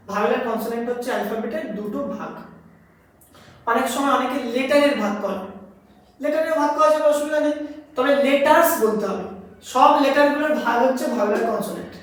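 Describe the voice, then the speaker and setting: A high-voiced woman teaches a grammar lesson, repeating each point and asking questions as she explains. She sits back from the mic, and her voice rings around a very echoey room. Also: recorded from a distance.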